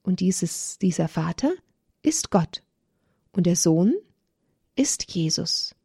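A woman reading a religious story to children in a gentle storytelling manner. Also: lowish voice, very animated, takes it slowly, gravelly, breathy edge, no echo, clean studio sound.

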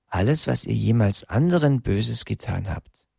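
A hushed, grieving king, as a gravelly narrator puts him on. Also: lowish voice, measured pace, no room sound, studio quality, heavily acted. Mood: hushed, solemn. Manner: hushed, calm and firm. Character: grieving fatherly king, solemn and gentle.

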